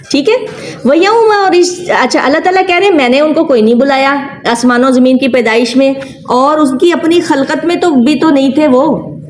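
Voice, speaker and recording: Questioning woman teaching Quran. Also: a little high. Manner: asks the class questions and repeats words slowly. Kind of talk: classroom tafseer lesson.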